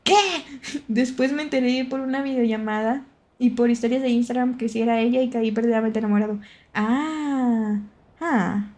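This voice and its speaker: A young Mexican woman with a Mexican accent streams a horror game as a VTuber, her voice sitting a bit high. She chats playfully with viewers, giggling and jumping at scares. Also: steady tone, normal speed, dark tone. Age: young adult.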